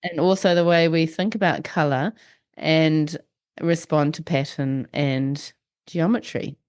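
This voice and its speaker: A congested woman with a New Zealand accent and a croaky, wheezy, blocked-up voice, hosting a podcast. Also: sits low, fairly even intonation, a little slow, a little mellow. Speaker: podcast host. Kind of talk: podcast introduction and interview chat.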